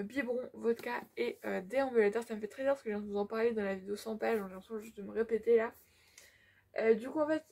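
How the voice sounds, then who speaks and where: A woman's voice: mid-range voice, gravelly, a little mellow. A young woman giving a casual, chatty book-vlog update, gushing with lots of fillers. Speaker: book vlogger.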